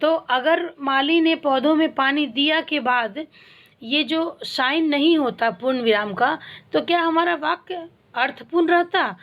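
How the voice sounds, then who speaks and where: A woman teaching a primary school Hindi class, explaining slowly and asking questions that she answers herself. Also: sits high, muffled recording. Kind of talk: online class lesson.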